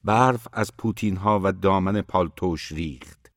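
A man narrates a literary story in a measured, steady audiobook reading. His voice is deep and low. The recording is dry and close to the mic. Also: no echo.

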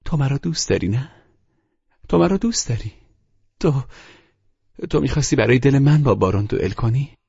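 A man's voice: mid-range voice, sing-song, vocal fry, few pauses, husky, heavily acted. A man reading an audiobook voices a proud young woman who is scornful and breaks into distraught outbursts. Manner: contemptuous, shouting, sobbing outbursts. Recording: muffled lo-fi recording.

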